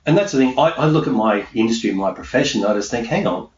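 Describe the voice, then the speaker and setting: Speaking fast and expressively at medium pitch, this middle-aged man gives interview answers as a self-employed mindset coach, emphatic and conversational, often saying "okay" and repeating points for emphasis. A loud crowd can be heard, and the audio is roomy, distant, muffled, with faint background noise.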